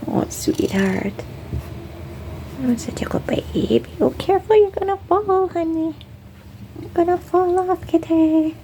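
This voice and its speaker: A woman at home cooing soft baby talk to her cat, often dropping to a whisper. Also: very high-pitched, unhurried, background noise. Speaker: cat owner.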